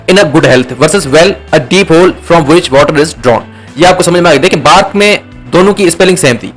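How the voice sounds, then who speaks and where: A man explaining a lesson over slides, slowing down to read English definitions and often checking that students follow. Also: a little high. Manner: repeats "theek hai ji" to check understanding. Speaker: teacher.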